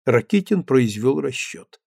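A man narrating an audiobook story in a measured storytelling manner. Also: medium pitch, big pitch swings, vocal fry, darkish tone, no echo, studio quality.

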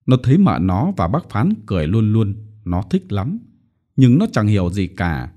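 A man narrating a short story as an audiobook reader, with an expressive, lilting delivery. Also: lowish voice, normal speed.

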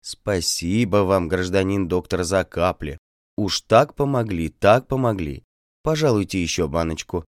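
A man voicing a flattering peasant woman of about thirty in an audiobook, pleading in a singsong way. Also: sits low, measured pace, no echo, clean studio sound. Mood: fawning.

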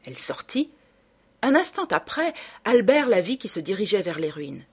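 A woman reading a novel aloud as scripted narration, with dramatic, lively storytelling. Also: mid-range voice, normal speed, husky. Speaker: audiobook reader.

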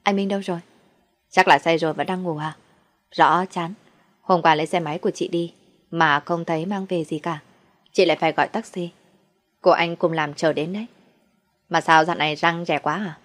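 A woman's voice: lowish voice, steady tone, normal speed, pauses often, natural voice. A woman doing a fierce young woman. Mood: chatty. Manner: pleading then defiant outbursts.

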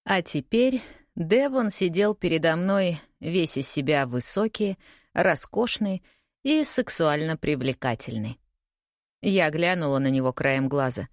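A woman's voice: low-pitched, lively intonation, a little slow, dry recording, studio quality. A woman narrating a first-person audiobook in a wry, confiding storytelling way.

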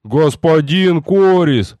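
A man's voice: a little high, animated, slow, a little mellow, no echo. A man voicing a young male sentry who wails and begs from a wall. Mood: pleading. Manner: whining, wailing calls.

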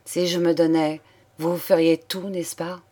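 A woman voicing a proud, desperate young woman in a storybook reading, speaking hushed and strained. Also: fairly low pitch, level tone, measured pace. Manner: hushed then sharp and strained.

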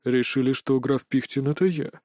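A man voicing a cold, curt male handler who speaks in a dry, quietly threatening way over the phone, in an audiobook. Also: on the high side, lively intonation, moderate pace, no echo, pitched below the performer's own voice.

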